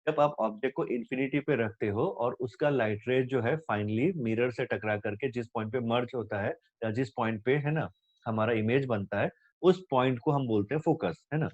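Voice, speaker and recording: A man's voice: medium pitch, normal speed, darkish tone, no room sound. A man teaching physics in Hindi mixed with English terms, asking questions and answering them himself and tagging lines with "है ना". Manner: repeats "है ना" constantly, asks and answers own questions. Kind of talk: explaining problems on a board. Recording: dull lo-fi dry recording.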